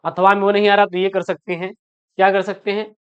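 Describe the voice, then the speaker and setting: A mid-range female voice with little pitch movement and a clean tone, captured on dull audio. She teaches online exam prep, calling students "beta"; each question gets read aloud, often repeated, then answered in a brisk, explanatory manner.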